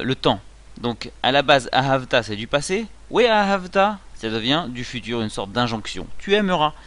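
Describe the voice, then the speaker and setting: A man giving a spoken lesson on reading a Hebrew prayer, explaining patiently with many fillers and sounding words out slowly. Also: mid-range voice, fairly bright tone.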